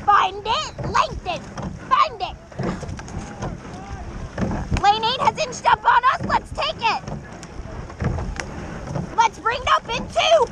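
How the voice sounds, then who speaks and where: Out on open water, a young woman coxes a boat, shouting short, repeated commands in a very high pitch over loud wind, water and the click of oars. Her calls are urgent and motivating, with lively intonation and drawn-out, measured spacing.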